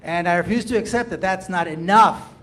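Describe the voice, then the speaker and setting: An audience member and activist from Jerusalem delivers an impassioned comment in a high, fairly bright voice at a brisk pace. He is earnest and emphatic and keeps repeating his phrases.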